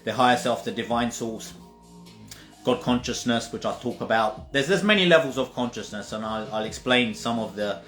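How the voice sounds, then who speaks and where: In a lowish, slightly bright voice, a spiritual teacher talks casually, hammering points home through repetition and occasional swearing. The sound is roomy and echoey, with faint music in the background.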